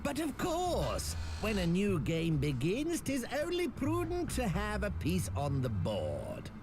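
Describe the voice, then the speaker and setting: A man's voice: high voice, wildly swooping pitch, slow pace, full character voice. A man playing a smug, scheming merchant magnate in a video game, with a pompous, oily grand-vizier delivery and archaic, formal phrasing. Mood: haughty, gloating. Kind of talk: scripted game dialogue, archaic formal diction. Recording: music behind the voice.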